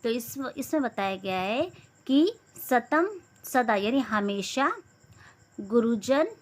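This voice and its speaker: A woman's voice: fairly high pitch, lively intonation, takes it slowly. A young woman teaching a lesson, reading each verse aloud and then explaining it word by word, sometimes correcting herself. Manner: corrects herself mid-sentence.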